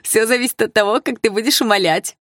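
A woman's voice: on the high side, quick pace, fairly bright tone, dry recording, clean studio sound, voice pushed up. A woman narrator voicing teenage schoolgirl bullies who mock and taunt their victim in an audiobook. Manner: mocking, taunting.

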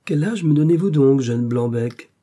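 A man reading aloud, voicing a haughty, sharp-tongued old countess in an audiobook. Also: medium pitch, animated, normal speed, pitched above the performer's own voice, natural voice. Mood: indignant. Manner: haughty, teasing, emphatic.

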